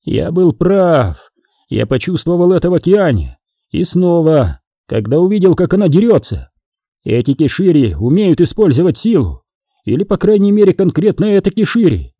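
A man's voice: high voice, sing-song, a little slow, mellow, no room sound, dull audio, pitched above the performer's own voice, exaggerated voice. A man reading an audiobook, voicing a cruel, imperious male Sith lord who gives orders. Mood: commanding. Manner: imperious, commanding.

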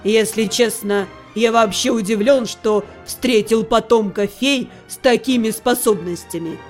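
A woman voicing a calm, genial older king with a measured, gently patronizing manner. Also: a little high, faint music behind, pitched below the performer's own voice, close to an everyday voice.

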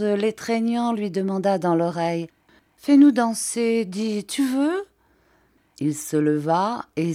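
A woman reading a literary story aloud in a measured, unhurried narration. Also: lowish voice, warm tone. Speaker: audiobook reader. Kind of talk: scripted narration.

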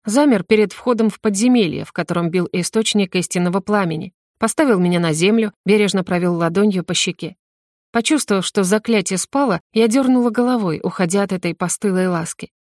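A woman reading a first-person fantasy novel aloud in a steady, clear storytelling manner. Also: medium pitch, a little fast, no room sound, studio quality. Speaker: audiobook narrator.

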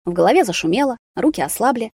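A woman reading a novel aloud as scripted narration, calm and even. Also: on the high side, quick pace, slightly rough, no echo, clean studio sound. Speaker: audiobook narrator.

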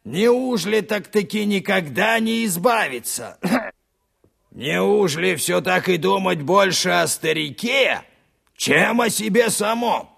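A man voicing a sly, self-pitying working-class informer in an audiobook, pleading and sanctimonious, with a gravelly voice. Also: high voice, lively intonation, a bit bright, exaggerated voice. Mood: aggrieved. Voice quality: gravelly, creaky. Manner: wheedling, sanctimonious, drawn-out pleading. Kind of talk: dramatized audiobook reading.

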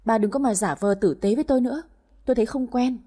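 Woman voicing a shrill scheming young mistress. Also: fast talker, mellow, lightly acted. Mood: rude. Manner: shrill, rude, tearful pleading.

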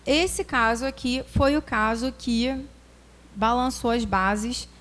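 A woman, a preschool teacher, telling a personal classroom story in an animated way, acting out quoted voices and using religious phrasing. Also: fairly high pitch, slow pace. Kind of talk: personal testimony talk.

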